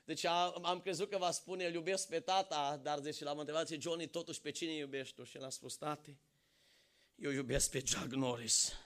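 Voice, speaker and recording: A man preaching a sermon, swinging from fervent shouting to quiet, conversational storytelling. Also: a little high, fairly even intonation. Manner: impassioned, rising to shouts.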